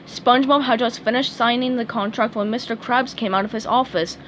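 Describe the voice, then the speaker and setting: A woman reading a storybook aloud in a calm, measured way. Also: on the high side, slight background noise, rough recording. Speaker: narrator.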